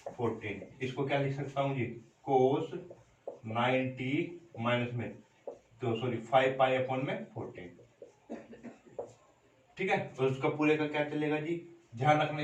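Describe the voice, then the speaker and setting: A man's voice: mid-range voice, recorded from a distance. A man, teaching a maths lesson and explaining each step, often asking his students how much it comes to. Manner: steady step-by-step explaining, repeated check-in questions to students. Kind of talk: classroom lecture at a board. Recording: roomy echo, voice from off mic.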